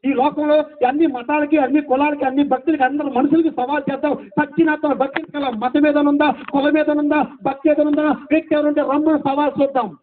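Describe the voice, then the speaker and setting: A man preaching a gospel sermon, with many rhetorical questions and shouts of hallelujah, now loud and now soft. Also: extremely high pitch, flat delivery, fast, hardly any pauses, slight background noise. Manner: emphatic, swings between loud and soft delivery. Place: gospel meeting. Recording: tinny phone-like sound.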